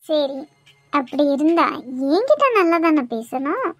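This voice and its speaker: A worried young cartoon woman, as a woman voices her, confiding in a troubled, pleading way with a Kanyakumari Tamil accent. Her voice sits very high, and the sound is dry. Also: sing-song, unhurried, dry recording, soft background music.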